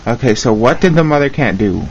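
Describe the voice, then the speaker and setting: A man's voice: medium pitch, animated, a little fast. A young man in casual chat at home, insistently prodding with short questions. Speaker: grandson filming and questioning. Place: indoors at home. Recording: muffled, noisy home recording.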